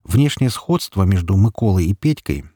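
A man reading a dark story as an audiobook narrator in a steady, even telling. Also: low-pitched, moderate pace, breathy edge, no room sound, studio quality.

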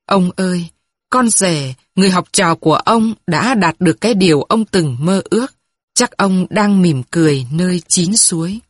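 A woman voicing a grieving old grandmother who speaks softly and pleadingly to her dead daughter, in a storybook reading. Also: lowish voice, animated, normal speed, no room sound, studio quality. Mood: tender. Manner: soft, mournful, pleading address.

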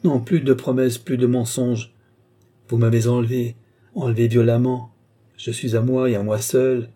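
A man's voice: mid-range voice, little pitch movement, normal speed, mellow, close to an everyday voice. A man reading an audiobook, voicing a furious, desperate young captive woman in raised, pleading and defiant outbursts.

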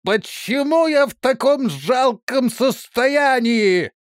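A man's voice: fairly high pitch, sing-song, unhurried, no room sound, studio quality, heavily acted. A man voicing Stuart, a hot-tempered male onion-headed clone soldier who blusters and shrieks, in an audiobook reading. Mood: shrieking. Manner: shouting, blustering.

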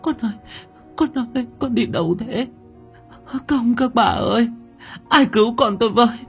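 A woman's voice: high-pitched, a little slow, vocal fry, faint music behind. A woman voicing a frantic village mother who is desperately crying out for her lost daughter in an audiobook. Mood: wailing. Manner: wailing, crying out in despair. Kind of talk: audiobook drama reading.

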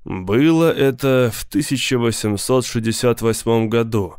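A man voicing a big, menacing lawyer who speaks slowly and with cool politeness. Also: mid-range voice, darkish tone, clean tone, no echo, studio quality, lightly acted. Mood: explaining. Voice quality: slow, measured, coolly polite. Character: big cold male mobster lawyer, menacing, patient.

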